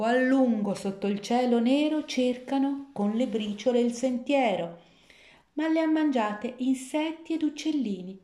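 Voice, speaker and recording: A woman telling a fairy tale in rhymed verse, with an expressive, sing-song reading. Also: fairly high pitch. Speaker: storyteller. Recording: echoey room.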